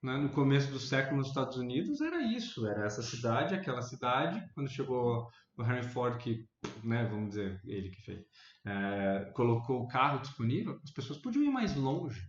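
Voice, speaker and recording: Brazilian man debating in an echoey room. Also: normal speed. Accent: Brazilian Portuguese. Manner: thinks aloud with many restarts, animated rises in pitch. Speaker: debate panelist. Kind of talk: casual debate. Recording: echoey room, dull lo-fi sound.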